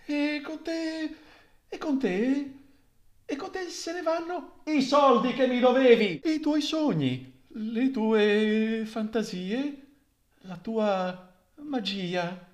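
A man voicing a funeral mourner giving a slow, sarcastic mock eulogy. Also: very high voice, echoey room, voice pushed up.

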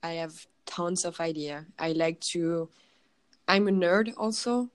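A woman from France with a French accent and a lowish voice appears as a guest in a casual interview. She often pauses as she searches for words.

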